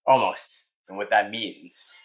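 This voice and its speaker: Low-voiced American chef in echoey room. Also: male voice, takes it slowly. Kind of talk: casual cooking demonstration and chat. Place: restaurant kitchen. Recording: echoey kitchen room sound.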